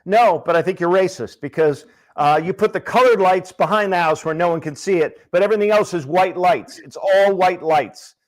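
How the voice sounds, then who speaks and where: Casting note: middle-aged man, high-pitched, dry teasing comic banter. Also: normal speed, rough recording. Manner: teasing, deadpan jokey. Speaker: podcast co-host. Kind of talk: comedic couple banter.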